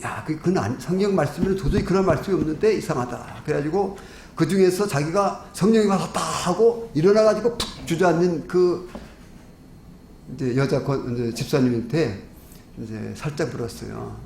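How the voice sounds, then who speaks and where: A middle-aged male pastor delivers an evangelistic sermon, his voice sitting somewhat high. He recounts stories with acted-out dialogue and builds to fervent calls. The sound carries the echo of a church sanctuary. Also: normal speed, gravelly, a little mellow, a little hiss or hum. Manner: storytelling with quoted dialogue, rising to fervent preaching. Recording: echoey church room with faint ambience.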